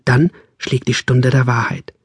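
A man narrating a novel in a calm, measured storytelling manner, close on a studio mic. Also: mid-range voice, breathy edge, no room sound. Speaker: audiobook narrator. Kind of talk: scripted narration.

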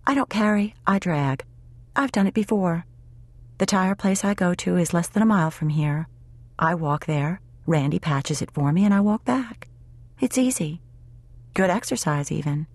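A woman's voice: on the low side, normal speed, darkish tone, dry recording, pitched above the performer's own voice. A woman voicing a proud, defensive young single mother who talks in clipped, insistent bursts.

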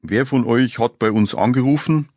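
A man playing a blunt, gruff male police chief who gets straight to the point, in an audiobook. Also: mid-range voice, moderate pace, a little mellow, no room sound, studio quality, pitched above the performer's own voice, natural voice.

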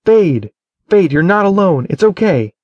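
A man's voice: sits high, sing-song, unhurried, no echo, highs cut off, voice pushed up, full character voice. A man voicing a tense, protective young prince in an audiobook. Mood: urgent.

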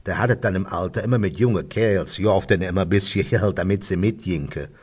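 A man's voice: low-pitched, fairly quick, a little mellow, breathy edge. A man voicing a jovial old male undertaker who tells anecdotes at the pub in Cologne dialect. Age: older.

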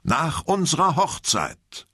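A man's voice: a little high, huge pitch swings, slow, sharp tone, breathy edge, dry recording, clean studio sound, voice pushed up, heavily acted. A man voicing a nervous but teasing young woman in an audiobook. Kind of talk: audiobook dialogue.

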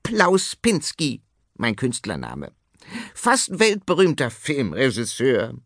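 A man voicing a brash, boastful male tomcat who talks fast and pushy in a storybook. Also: mid-range voice, wildly swooping pitch, fairly bright tone, no room sound, heavily acted. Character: brash male tomcat film director, cocky hustler. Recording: dry studio audiobook.

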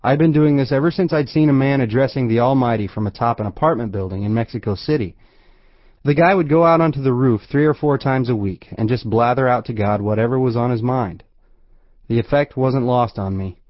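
A man narrates a first-person audiobook in a wry, measured way, his voice sitting in an ordinary middle register. The recording is close and dry, with a slightly dull, muffled top end. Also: mid-range voice, no echo.

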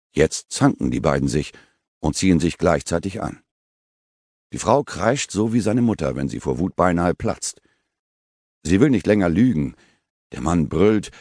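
Deep gravelly German audiobook narrator. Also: male voice, darkish tone, no echo. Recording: dry studio recording.

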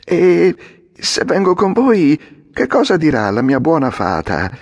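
Guy putting on a squeaky wooden puppet boy, pleading, voice jumping all over. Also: a little slow, no room sound, clean studio sound, heavily acted. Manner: pleading, high and excited.

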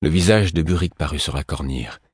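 A man narrating a fantasy novel in the first person, measured and even, recorded close in a studio. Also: very deep voice, breathy edge, dry recording. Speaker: audiobook narrator.

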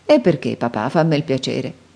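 Brief: lively young man, earnest and teasing, low and warm as read by a woman narrator for a storybook. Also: moderate pace, vocal fry, full character voice. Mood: reproachful. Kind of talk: audiobook character reading.

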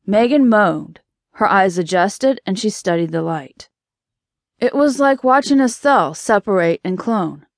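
Woman reading an audiobook, mid pitch, slow and dramatic, close mic, no room sound. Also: expressive, no echo. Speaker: audiobook narrator. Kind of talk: scripted audiobook narration.

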